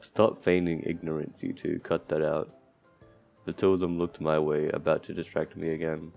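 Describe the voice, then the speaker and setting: A man with a bass, gravelly, darkish voice reads visual novel text aloud at a moderate, level pace as a let's player, stumbling on words and tossing off offhand asides. The dull lo-fi mic also catches the game's background music.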